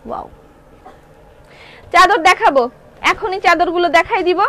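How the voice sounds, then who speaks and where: A woman with a sore throat selling clothing live in a showroom. She chats quickly, reads viewer comments aloud and keeps repeating prices and how to order. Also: very high-pitched. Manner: chatty, lively, repeats prices and order steps. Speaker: online clothing seller.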